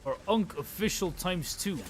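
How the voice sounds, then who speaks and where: A high male voice at a moderate pace, with slight background noise, belongs to a late-twenties livestream host. He casually chats about gameplay with his viewers in slangy, informal talk.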